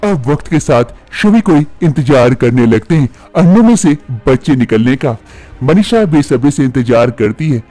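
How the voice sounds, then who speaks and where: A man's voice: mid-range voice, animated, moderate pace, warm tone, no room sound. A man narrating a scripted cartoon story. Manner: plain storytelling.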